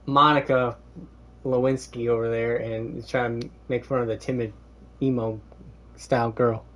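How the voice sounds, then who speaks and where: A man's voice: medium pitch, little pitch movement, moderate pace, a bit bright. A man commentating on a game he plays in a sarcastic, joking way. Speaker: let's play host.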